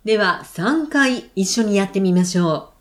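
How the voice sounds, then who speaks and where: A woman leading vocal exercises, giving calm, clear and encouraging instructions. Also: mid-range voice, moderate pace. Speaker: voice trainer.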